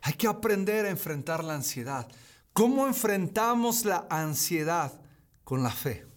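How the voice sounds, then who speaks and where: Preacher, male, 30s: high voice, unhurried, emphatic, repeats his key lines. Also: big pitch swings. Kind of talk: streamed sermon.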